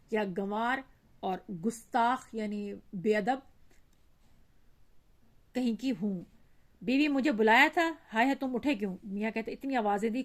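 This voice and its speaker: A woman with a Pakistani Urdu accent teaches a school text. She reads its dialogue with lively, raised voices. In between she gives calm, step-by-step explanations. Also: mid-range voice. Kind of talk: reading aloud a Urdu lesson and explaining it line by line.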